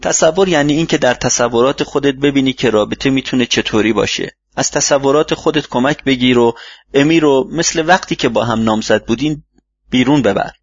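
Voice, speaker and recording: A man's voice: mid-range voice, slightly rough, no room sound. A man reading as a patient old mentor. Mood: advising. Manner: calm, instructive, fatherly. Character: wise older male mentor gardener, patient. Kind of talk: audiobook reading. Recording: dull lo-fi recording.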